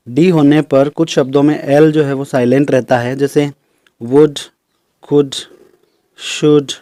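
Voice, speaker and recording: A man teaching English pronunciation in a recorded lesson, explaining slowly and listing example words one by one. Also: a little high, dark tone, no echo. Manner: explains slowly, repeats terms in Hindi and English.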